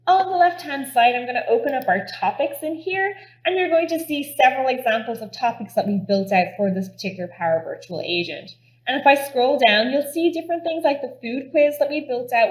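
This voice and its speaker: An Irish woman presents at a conference, walking through a product demo step by step in an upbeat, enthusiastic manner. Her voice is a little high, and the audio is poor, captured in an echoey room.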